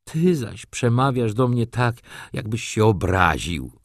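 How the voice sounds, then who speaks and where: A fussy elderly aristocrat, as a male narrator puts him on, his voice raised higher than the reader's own and drawn out slowly. He pleads and wheedles, easily flustered, with lively swoops of pitch in a dry, close sound. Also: no room sound, full character voice. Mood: tearful. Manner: pleading, wheedling, slow and emotional.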